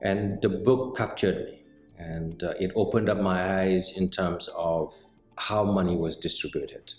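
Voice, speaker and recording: Deep-voiced Senegalese-born man explaining calmly. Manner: measured, explanatory, with frequent "uh" pauses. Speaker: mortgage banker interviewee. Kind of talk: sit-down interview answers. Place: indoor office set with bookshelves. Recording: roomy indoor sound with faint music.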